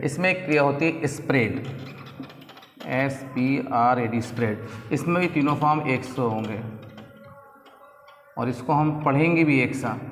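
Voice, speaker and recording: A man teaching English grammar, reading out verb forms slowly and repeating each one. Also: a little high. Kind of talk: slow spoken-English grammar lesson. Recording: echoey room with long reverb.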